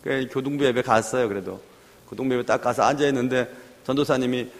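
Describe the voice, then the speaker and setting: A male pastor preaching a sermon in an animated way, acting out the voices he quotes. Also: mid-range voice, fast. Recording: long hall reverb.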